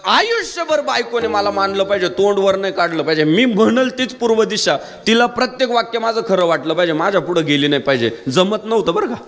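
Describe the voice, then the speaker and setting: Animated male kirtan preacher telling stories. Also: a little fast, hardly any pauses. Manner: animated storyteller, swinging his pitch high and low to act out characters. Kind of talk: humorous kirtan sermon with storytelling. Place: live kirtan gathering.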